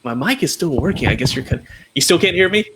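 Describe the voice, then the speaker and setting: A man's voice: on the high side, fast, background noise. Man on a video call, audio cutting out. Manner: energetic, stumbling restarts. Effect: audio cutting out, uneven volume. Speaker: host. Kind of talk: casual interview over a video call.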